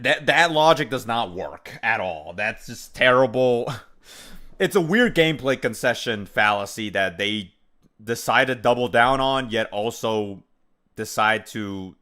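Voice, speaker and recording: A man's voice: fairly low pitch, a little slow, pushed and bright. A man streaming live, reacting to a video with rambling, hedging, exasperated commentary.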